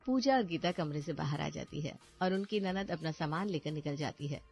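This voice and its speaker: A woman narrating an animated moral story in a calm, even storybook voice. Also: sits low, moderate pace, husky. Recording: slightly dull audio with soft background music.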